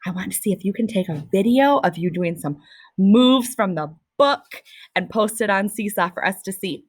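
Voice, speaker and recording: A woman teacher reading a picture book aloud to children, expressive and pausing to ask questions. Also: medium pitch, no room sound, poor audio. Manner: expressive, asks listeners questions.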